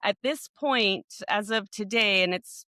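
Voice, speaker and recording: A woman's voice: mid-range voice, a little slow, sharp tone, dry recording, clean studio sound. A woman, co-hosting a podcast, telling a story in a rambling way full of restarts and fillers. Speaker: podcast co-host. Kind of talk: casual podcast chat.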